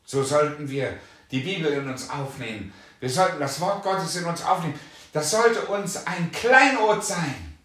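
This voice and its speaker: A man's voice: a little high, expressive, unhurried, a bit bright, echoey room. A man preaching a fervent sermon, reading scripture aloud and calling out hallelujah again and again.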